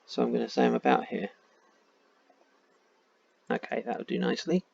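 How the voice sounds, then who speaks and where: Tired, gravelly man muttering over a game. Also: mid-range voice, level tone, normal speed, darkish tone. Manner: muttering, thinking aloud while searching a map. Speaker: game streamer. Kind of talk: casual gameplay commentary. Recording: dull lo-fi sound.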